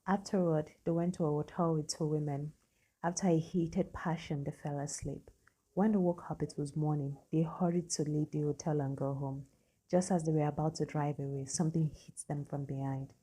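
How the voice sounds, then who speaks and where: A woman narrating a scripted story in an even, matter-of-fact way. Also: low-pitched, moderate pace, husky.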